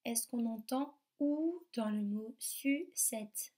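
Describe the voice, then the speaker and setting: A woman teacher with a French accent gives a remote lesson to young children, stretching out words and articulating slowly and clearly. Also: fairly high pitch, warm tone.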